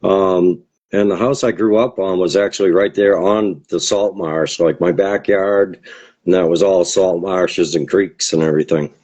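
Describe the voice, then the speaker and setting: A man's voice: deep voice, fairly even intonation, measured pace, darkish tone, breathy edge. A man from the area, a guest poet talking in a casual interview, rambling and hesitant with many fillers and restarts. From Boston area, USA.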